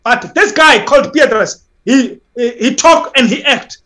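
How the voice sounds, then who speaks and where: A South African man giving impassioned interview talk as an activist guest, halting, emphatic and often repeating himself. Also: extremely high pitch, a bit bright.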